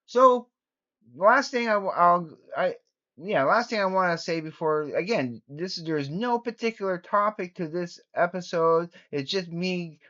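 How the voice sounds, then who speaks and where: A man's voice: high voice, unhurried, pushed and bright. A man vlogging casually to his viewers, rambling with frequent restarts and self-corrections. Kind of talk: casual chat to camera. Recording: dull lo-fi home recording.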